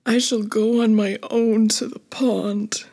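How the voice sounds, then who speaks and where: A woman voicing Miss B, a small, gentle, sad female flying creature in a storybook, speaking softly and slowly with a breathy voice. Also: on the high side, little pitch movement, pitched above the performer's own voice, heavily acted. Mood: wistful.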